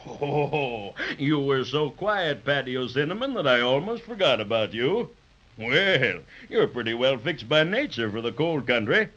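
A man's voice: medium pitch, very animated, measured pace, fairly bright tone. A man acting a jolly, kindly old Santa Claus in a hearty, avuncular 1930s radio style. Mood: genial, businesslike. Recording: muffled, hissy 1930s radio recording.

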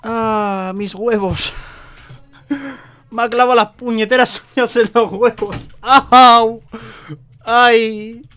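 A man's voice: very high-pitched, slow pace, long pauses, soft background music. A man with a Spanish accent from Spain, joking through a let's play and slipping into mock-dramatic cries. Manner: animated, jokey, slips into mock-dramatic cries. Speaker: gaming YouTuber.

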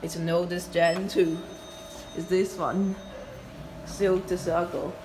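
A man's voice: high voice, flat delivery, slow, background noise. A man filming on a phone indoors, giving casual running commentary in short, simple, clipped remarks. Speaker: amateur elevator video maker. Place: small elevators and car park lobbies indoors. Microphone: handheld phone. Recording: echoey lift cabin and lobby.

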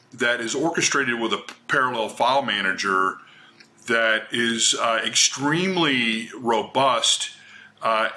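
A middle-aged man speaks from his home office over a webcam on a video call, his voice fairly low but strikingly bright. He talks in a measured, hesitant way, filling pauses with frequent "uh"s. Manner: measured, hesitant with many fillers. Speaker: panelist from a cloud provider.

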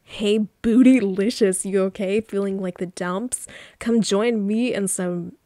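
A woman putting on a slow, teasing drawl for a flirty, party-loving friend in a story game. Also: mid-range voice, steady tone, warm tone, no echo, studio quality, natural voice.

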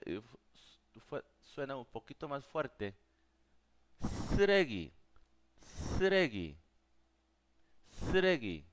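A man's voice: on the low side, clean tone. A man with as his teaching a live online class, patiently answering viewers' questions. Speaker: Korean teacher.

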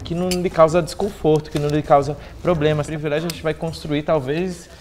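A man, making a thoughtful, measured argument in a round-table discussion. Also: a little high, level tone, a little mellow. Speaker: actor and youtuber in a panel.

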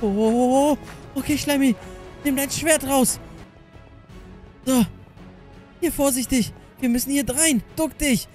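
High-voiced man leading an urgent Minecraft role-play. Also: fairly even intonation, slow pace, pauses often, a little mellow, faint music behind. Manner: urgent, directing others. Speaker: YouTuber and narrator.

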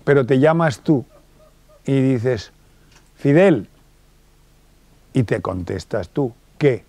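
A man giving a lively public talk as a psychologist, colloquial and acting out little dialogues. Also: medium pitch, measured pace. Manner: colloquial, acts out little dialogues in different voices.

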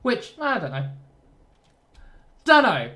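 A man's voice: high-pitched, huge pitch swings, slow, pushed and bright. A man with a nasal southern English accent, chatting casually and joking at his own expense while narrating a train simulator run. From southern England. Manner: rambling, self-deprecating, jokey asides. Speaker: train sim YouTuber. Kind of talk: casual gameplay commentary.

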